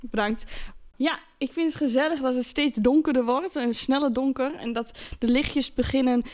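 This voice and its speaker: A woman co-hosting a podcast in casual chat, blunt and teasing and quick to laugh. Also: sits high, darkish tone. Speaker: podcast co-host and editor. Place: at a table in a studio.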